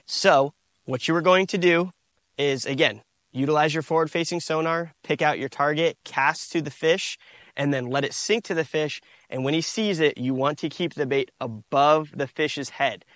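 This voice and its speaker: A man, giving a relaxed outdoor fishing tutorial from a boat on a lake, recorded on a lapel mic. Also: a little high, normal speed, no room sound. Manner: relaxed, repeats "again" and "you guys". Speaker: fishing instructor.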